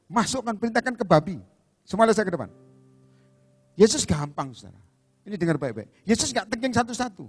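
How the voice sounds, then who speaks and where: Animated high-voiced preacher man. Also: fast, long pauses, husky, dry recording, soft background music. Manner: animated, acts out voices of demons and Jesus, calls for amens. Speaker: evangelist preacher. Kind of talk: lively sermon. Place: church service.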